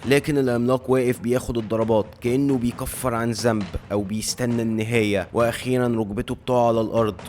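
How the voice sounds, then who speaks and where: A man's voice: medium pitch, little pitch movement, very fast, hardly any pauses, darkish tone, slight background noise. A man with an Egyptian accent narrating a comic story in a dramatic, emotive way. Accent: Egyptian Arabic.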